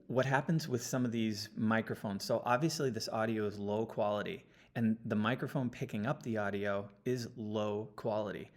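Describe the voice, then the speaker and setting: A man talking through an audio analysis step by step, often checking in with a quick "okay?". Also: lowish voice. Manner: explanatory, checks in with frequent "okay?". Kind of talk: screen-recorded audio analysis walkthrough. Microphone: computer mic, sitting close.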